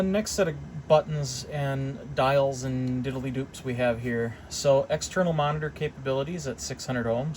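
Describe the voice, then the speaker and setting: Thinking out loud as he works, a man of average pitch walks through a repair as a hobbyist, pausing often and explaining without a script. The demonstration is casual and hands-on. Under his voice there is a constant, clearly audible background noise.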